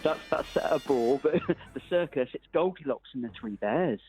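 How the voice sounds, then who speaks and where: A man's voice: fairly high pitch, lively intonation, normal speed, a little mellow, husky. Jovial Wiltshire man over music. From Wiltshire, England. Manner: jovial, chuckling, teasing. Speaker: radio quiz guest, pantomime enthusiast. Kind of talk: casual radio quiz chat. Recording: slightly dull radio audio, music underneath.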